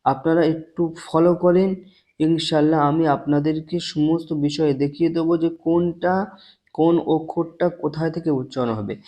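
Man, slightly high voice, earnest religious teacher drilling slow letter sounds. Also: steady tone, highs cut off. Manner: earnest, repeats letters slowly for pronunciation drills. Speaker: Quran recitation teacher. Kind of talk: religious lesson.

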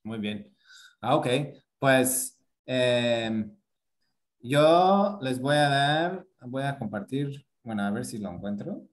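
A man teaching grammar in a relaxed online lesson. He speaks slowly, at an even middle pitch, and explains patiently. He fills pauses with hesitations and keeps checking in with short tag questions. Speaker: Spanish teacher.

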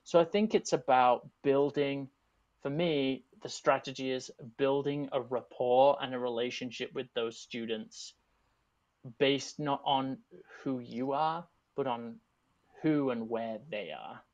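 This Englishman in his thirties, a teaching artist and artistic director, joins a video call panel from a room at home, his Yorkshire accent toned down for an American audience. His mid-range voice runs a little slow, and his relaxed, reflective talk keeps restarting and wandering into asides. Through his earphones the call sounds dull and lo-fi.

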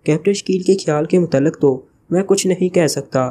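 A man's voice: sits high, brisk, mellow, slight background noise, close to an everyday voice. A man reading the part of a sly, joking male spy leader in a teasing, evasive way.

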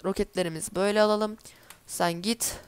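A woman in a casual let's-play, chatting away to herself and her viewers as she plays. She is quick to get exasperated when things go wrong. Her voice is smooth and clean, recorded close and dry with no room sound. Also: medium pitch, fairly even intonation, no echo. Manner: chatty, easily exasperated, talks to herself while playing. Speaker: gameplay commentator.

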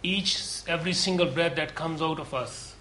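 A man giving a lecture to a seminar group, earnest and deliberate, pausing often with hesitations. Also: fairly high pitch, sharp tone, slight background noise, rough recording. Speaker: course lecturer.

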